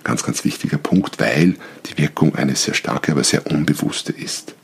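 A man hosting an instructional podcast, explaining persuasion and switching between higher, faster talk and lower, slower talk to demonstrate. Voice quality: very deep, gravelly voice. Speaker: podcast host and business coach.

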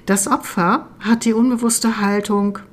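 A woman speaks in an even, mid-range voice, explaining a coaching topic. She talks earnestly and directly to her listeners, pausing now and then on small hesitations. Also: mid-range voice. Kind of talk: explanatory talk to camera.

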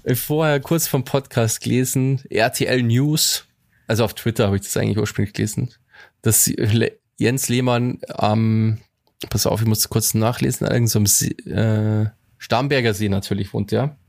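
A man's voice: on the low side, steady tone, normal speed, gravelly, a little mellow, dry recording, clean studio sound. A man co-hosting a casual podcast chat, telling stories in a loose, slangy way and dropping in English words. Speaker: podcast co-host.

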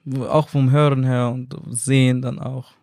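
A young man in his twenties from Germany, telling lively anecdotes in casual conversation, acting out quotes and laughing often. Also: medium pitch, a little slow, no echo, clean studio sound. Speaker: content creator and singer, guest.

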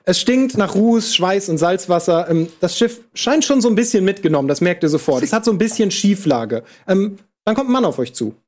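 A man's voice: high voice, lively intonation, fairly quick, few pauses, a little mellow. A man narrating and refereeing a tabletop role-playing game as game master, describing scenes in a laid-back way with fillers.

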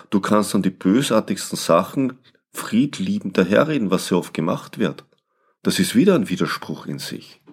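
A man with a very low, deep voice talks reflectively on a podcast. He repeats words as he works out his thoughts. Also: slightly rough. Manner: reflective, repeats words while searching for phrasing. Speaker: podcast co-host. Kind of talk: conversational podcast discussion.

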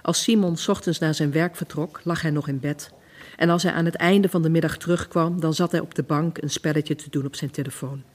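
A woman's voice: low voice, fairly even intonation, darkish tone. A woman author, a native Dutch speaker from the Netherlands, answering thoughtfully and reading from her own novel. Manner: slow, thoughtful, searching for words. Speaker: author, guest.

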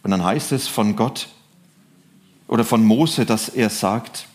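A man preaching a sermon. He reads scripture passages aloud and stresses key phrases by raising his pitch and slowing down. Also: darkish tone.

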